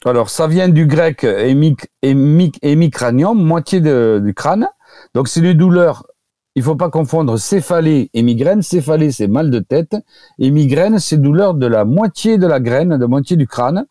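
A man's voice: fairly high pitch, expressive, unhurried, dark tone, dry recording. Man, radio guest doctor, hesitant, many restarts, dry studio sound. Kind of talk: casual radio chat.

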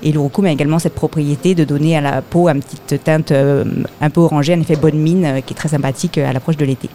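A woman's voice: deep voice, steady tone, fast talker, dark tone, slight background noise. A woman explaining a supplement at a live talk, technical and hesitant, with many fillers. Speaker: product expert guest.

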